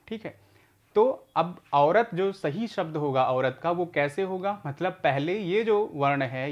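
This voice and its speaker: A man teaching adult literacy, explaining each step slowly and patiently and checking in after each point. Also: on the high side, dull audio.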